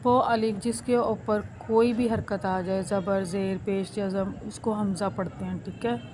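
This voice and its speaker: A woman teaching Quran recitation step by step. She spells each word out slowly, one syllable at a time, and then explains it quickly. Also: medium pitch, fairly even intonation, dark tone, slight background noise.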